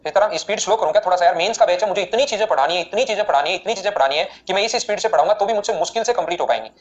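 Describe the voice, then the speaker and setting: A man teaching maths in a live online class, explaining steps rapidly and repeatedly asking students questions. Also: high voice, highs cut off.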